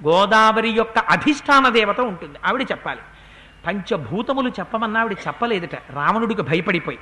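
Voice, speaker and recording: A man delivering a devotional epic discourse, who chants scripture verses slowly and then retells the story expressively. His voice is very high and notably bright and sharp. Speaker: religious storyteller.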